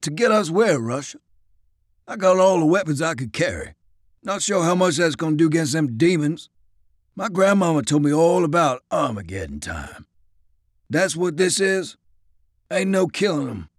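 A brash, scornful soldier with a Southern drawl, played by a male narrator, his voice pushed high and loud. His sarcasm cuts through every line. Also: expressive, moderate pace, dry recording, studio quality.

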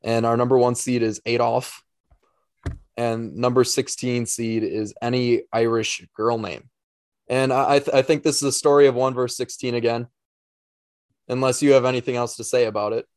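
A male podcast co-host speaks at a middling pitch with a steady, slightly mellow tone. His delivery is easygoing and halting, and he frequently restarts sentences. The recording is dry and close, with almost no room echo.

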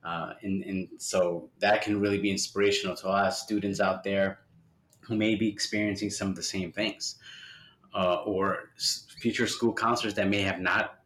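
Man, interview host, earnest, encouraging, lower voice, echoey room. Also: steady tone, normal speed, fairly bright tone. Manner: earnest, encouraging, a few fillers. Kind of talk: interview hosting.

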